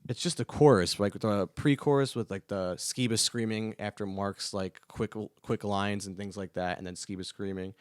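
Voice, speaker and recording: A man co-hosting a podcast, chatting casually about an album, excitable and prone to disbelieving exclamations. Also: lowish voice, moderate pace, few pauses, clear, resonant tone, no room sound, studio quality. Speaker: podcast co-host. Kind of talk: casual music review chat.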